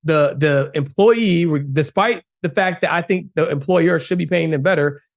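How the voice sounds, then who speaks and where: A man's voice: a little high, normal speed, vocal fry. A man co-hosting a podcast, talking emphatically and often asking "right?" as he makes his point. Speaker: podcast co-host. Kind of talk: casual podcast chat.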